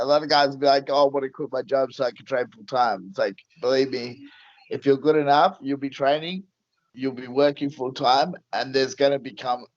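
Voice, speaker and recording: A man speaks as a fight coach in a casual interview, in a blunt, plain-spoken way. His pitch sits in the middle range. The sound is dry, close and a little dull. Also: no room sound.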